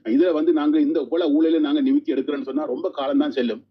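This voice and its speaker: A man's voice: on the high side, racing, slightly rough. A man speaking passionately as a guest on a live stream, often restarting words. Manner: impassioned, stumbling restarts. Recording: dull lo-fi live stream audio.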